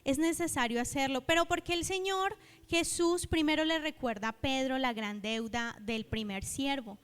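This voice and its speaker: A woman's voice: sits high, normal speed, fairly bright tone. A woman preacher giving a sermon, telling a parable and acting out its dialogue, and calling on the congregation to repeat after her. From Colombia. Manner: storytelling, acts out the dialogue of the parable. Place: church hall. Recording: hall reverb in a church.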